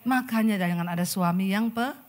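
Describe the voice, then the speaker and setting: A woman pastor with an Indonesian accent preaching a lively sermon to a church congregation, acting out the people in her stories with chatty asides. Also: medium pitch, normal speed, slight background noise. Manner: animated, acts out quoted people, chatty asides. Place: church service in front of a congregation.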